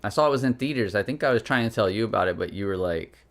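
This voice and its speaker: A man's voice: on the low side, very fast, gravelly. A man co-hosting a live stream in casual chat, rambling and interrupting himself as he talks. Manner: rambling, chatty, self-interrupting. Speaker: stream co-host.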